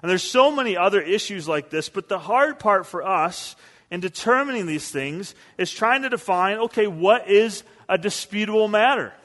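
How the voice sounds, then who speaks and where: Casting: male pastor, slightly higher voice, conversational storytelling sermon, long church reverb. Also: lively intonation, moderate pace, a bit bright. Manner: conversational storytelling with quoted asides.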